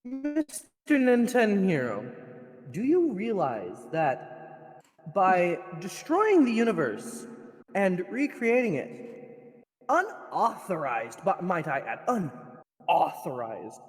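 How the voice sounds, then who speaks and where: A man's voice: high-pitched, huge pitch swings, slow pace, soft background music. A man using a cathedral reverb voice mod while playing a stern mock prosecutor in an improvised trial roleplay. He stammers and repeats words as he scolds.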